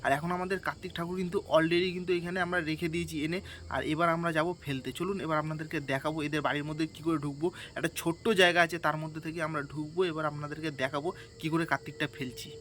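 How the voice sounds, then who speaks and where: A man vlogs on a dark street at night, talking quickly and keeping his voice low as he creeps along. His voice sits a little high, and he speaks into a handheld phone. Faint crickets and insects chirp behind him. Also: flat delivery, slight background noise. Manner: speaking quietly in a hushed voice while sneaking near a house. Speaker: vlogger. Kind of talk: casual vlog narration.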